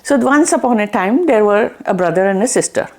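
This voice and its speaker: A woman host telling a folk tale and explaining a ritual in a lively, conversational way. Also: mid-range voice, a little fast. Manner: animated, conversational storyteller. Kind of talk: storytelling and religious ritual instruction.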